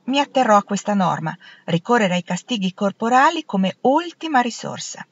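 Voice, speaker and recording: A woman voicing a diplomatic young man who talks slowly, weighing each word, in a storybook reading. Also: mid-range voice, sing-song, husky, voice pushed up. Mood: measured. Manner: slow, weighing his words. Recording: dull lo-fi, dry.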